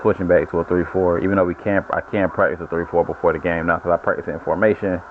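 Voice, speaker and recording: A man's voice: deep voice, flat delivery, quick pace. A man giving casual, rambling commentary while he plays a video game. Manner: rambling, self-correcting storyteller. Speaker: gaming channel host. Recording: lo-fi phone-like audio with noise.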